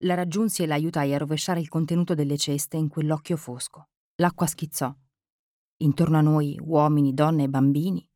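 A woman giving a calm, measured first-person audiobook narration, quiet and steady. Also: low voice, no echo, studio quality.

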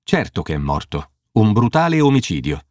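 A man reading an audiobook voices a calm, unbothered butler who answers matter-of-factly. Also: lowish voice, moderate pace, no room sound, studio quality. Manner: matter-of-fact.

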